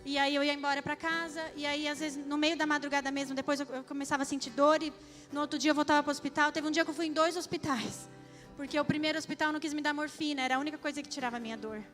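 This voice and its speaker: A woman's voice: sits high, fairly even intonation, racing, a bit bright, faint music behind. A young adult woman from Brazil giving an emotional testimony at church, speaking straight to the congregation. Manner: emotional, addresses the audience directly. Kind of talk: testimony sermon.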